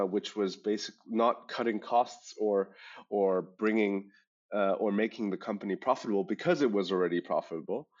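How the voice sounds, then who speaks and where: Born and raised in Hong Kong, a startup founder with an international school English accent tells stories as an interview guest, halting, self-correcting and emphatic. His voice has a fairly low pitch, and the conversational answers come through as dull lo-fi podcast audio.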